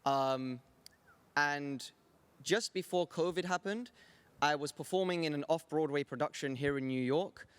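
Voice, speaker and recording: A man's voice: fairly high pitch, unhurried, smooth. Hesitant man. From England. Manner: modest, hesitant, repeats words. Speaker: dancer and panelist. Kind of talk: casual panel talk.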